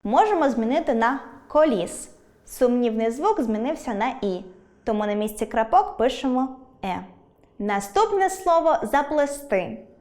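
Woman teacher doing an online lesson, a bit high voice, clear and patient, walks thru examples. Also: sing-song, unhurried, a little mellow.

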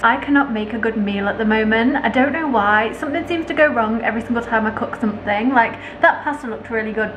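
A woman's voice: fairly high pitch, noisy background. Chatty young woman vlogging. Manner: chatty and rambling, light and upbeat. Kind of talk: casual vlog chat to camera. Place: parked car, then a home indoors. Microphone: camera held at arm's length.

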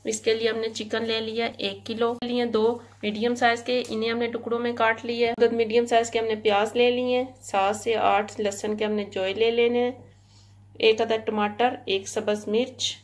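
Flat-voiced woman narrating a home recipe. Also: a little high, low-quality recording. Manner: plain, unhurried instructional delivery. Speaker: cooking channel host. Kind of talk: step-by-step recipe voice-over. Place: home kitchen. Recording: loud cooking noise behind voice.

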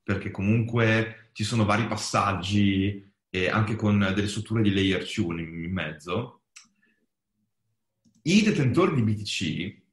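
A man co-hosting a casual panel podcast, explaining technical points at length, halting and restarting as he goes. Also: lowish voice, a bit bright, roomy sound. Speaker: podcast co-host explaining crypto.

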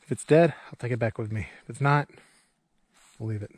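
Vlogging outdoors in snowy woods, a man with an Upper Midwest accent rambles in a folksy, self-deprecating way. His voice is medium-pitched with a darkish tone, he talks fairly quickly, and there's no room sound.

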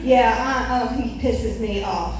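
A middle-aged woman performs a brash, profane, opinionated stand-up set on a small club stage, holding a handheld mic. Her voice is a little high, steady in tone and slow in pace. Recorded from the audience, the sound is very echoey and distant with faint noise.

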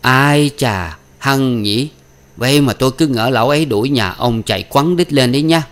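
A man's voice: medium pitch, moderate pace, fairly bright tone, pitched above the performer's own voice, natural voice. A man reading an audiobook, voicing a good-humored older village man who teases in a raised voice. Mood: teasing. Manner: teasing, chuckling.

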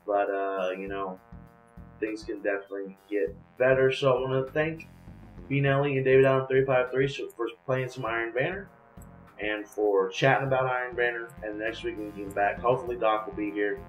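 A man's voice: mid-range voice, steady tone, fairly quick, muffled recording. A man hosting a laid-back gaming podcast, talking things through with little restarts as he goes. He is on voice chat, his voice carrying a noticeable roomy echo with faint music underneath. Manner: rambling, thinking aloud with restarts. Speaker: podcast host. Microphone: voice chat over Discord.

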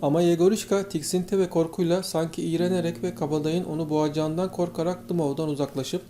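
Mellow-voiced male audiobook narrator. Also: a little high, fast talker. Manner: steady storytelling. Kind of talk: scripted narration. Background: faint guitar music.

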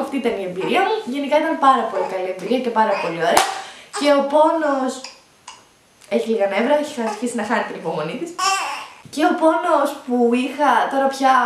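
A young woman vlogger telling the story of her childbirth, animated and laughing often as she talks. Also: on the high side. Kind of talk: storytime vlog, recounting childbirth. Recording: echoey room, voice from a distance.

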